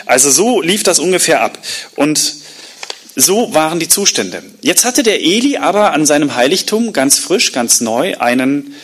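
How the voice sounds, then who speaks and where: A man preaching a sermon, retelling a Bible story in a lively, colloquial way and acting out the quotes. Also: on the high side. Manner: colloquial asides. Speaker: pastor.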